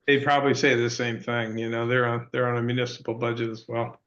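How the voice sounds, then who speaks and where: A man chairs a town budget meeting, heard over a muffled, lo-fi conference call that keeps breaking up. His voice is gravelly with vocal fry, and he speaks hesitantly, pausing on many fillers. The sound is dull and narrow, like a speakerphone. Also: mid-range voice, flat delivery, a bit bright. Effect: conference call line, breaking up. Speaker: board chair.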